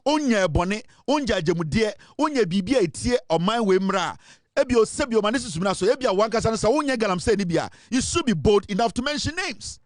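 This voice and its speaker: Forceful high-voiced Ghanaian man. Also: lively intonation, fast talker, dry recording, studio quality. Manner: forceful, insistent, mixes English and Twi. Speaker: political commentator. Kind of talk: impassioned monologue.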